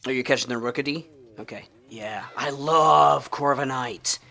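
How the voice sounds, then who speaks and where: A man's voice: mid-range voice, moderate pace, creaky, bright, forceful tone, faint music behind. A man streaming a video game and chatting casually over it, joking and laughing often. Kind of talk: casual let's-play commentary.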